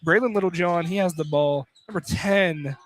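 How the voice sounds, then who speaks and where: A man with a high-pitched voice calls a college basketball game live at a normal speed, keeping his play-by-play informal and conversational. The radio broadcast is clearly noisy.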